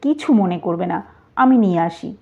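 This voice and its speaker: A woman's voice: fairly low pitch, animated, moderate pace, gravelly, warm tone. A woman voicing a carefree, doting young male nawab heir, in an easy, lightly questioning tone. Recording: tinny phone-like audio.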